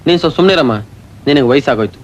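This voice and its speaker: An actor playing a loud, commanding eldest brother in a family film drama. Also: male voice, a little high, animated, rapid-fire, dull audio. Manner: loud, commanding, comically broken English. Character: bossy, boisterous eldest brother of the house. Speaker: elder brother of the household, lead.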